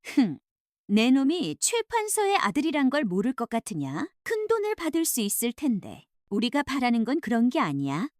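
A woman voicing a gruff, sneering male bandit chief. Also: on the high side, huge pitch swings, moderate pace, no echo, studio quality. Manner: sneering, rough.

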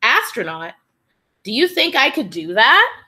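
An eager little girl from a storybook, read by a woman. She sounds earnest and wishful, with a bright, highish voice that rises and falls freely. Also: sing-song, a little slow, full character voice. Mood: wishful, questioning. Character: little dreamy, eager schoolgirl.

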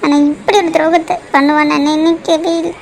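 A heartbroken young bride hurls bitter accusations in a high voice, as a woman acts her out. She sounds like a character from a cartoon drama. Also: level tone, fairly quick, vocal fry, darkish tone, low-quality recording.

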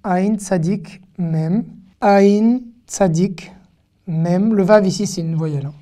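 Slow, mellow-voiced woman teaching a lesson. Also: medium pitch. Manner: patient, repeats each word syllable by syllable. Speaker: Hebrew teacher. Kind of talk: online language lesson.

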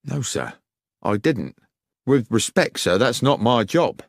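A man voicing an earnest, anxious railway guard in a mystery audiobook, respectful even as he protests. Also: mid-range voice, slow, creaky, no echo, studio quality, voice pushed up, exaggerated voice. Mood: earnestly protesting. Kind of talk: dramatised audiobook dialogue.

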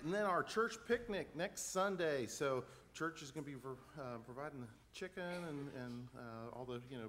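A man's voice: medium pitch, a bit bright, a little hiss or hum. Chatty man reading out church announcements. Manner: chatty, loose, many fillers and restarts. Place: church sanctuary. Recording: long church reverb with faint ambience.

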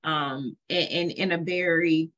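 A woman's voice: deep voice, fairly even intonation, slow pace, a bit bright, muffled recording, slight background noise. A woman co-hosting an interview, thoughtful and restarting words as she works out her point. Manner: thoughtful, repeats words while thinking. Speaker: co-host. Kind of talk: interview discussion.

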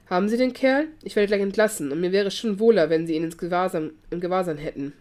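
A woman's voice: on the low side, quick pace, darkish tone, lightly acted. A woman reading the lines of an arrogant, whiny young male thug who sounds defiant and indignant.

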